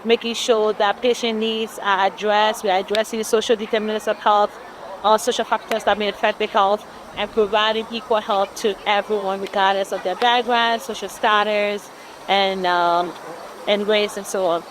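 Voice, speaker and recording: Woman health worker explaining her job, steady pace. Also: mid-range voice, normal speed, a little hiss or hum, rough recording. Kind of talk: interview clip.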